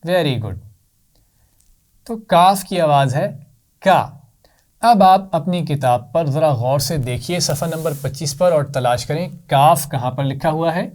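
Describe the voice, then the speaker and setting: A man's voice: fairly high pitch, a little mellow. Patient male teacher drilling kids. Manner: slow, patient, repeating sounds for kids to echo. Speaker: Quran reading teacher for children. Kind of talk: children's lesson.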